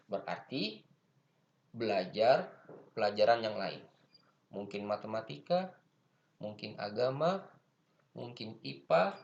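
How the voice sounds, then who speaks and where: A male teacher with an Indonesian accent, patiently explaining English grammar in an online lesson and repeating each point. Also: medium pitch.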